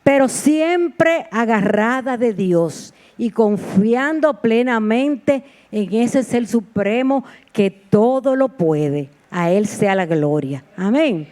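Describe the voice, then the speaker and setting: A woman's voice: a little high, animated, slow, few pauses, a little mellow. A woman preacher giving a sermon in a heartfelt, personal storytelling manner, with repeated exclamations. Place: church sanctuary.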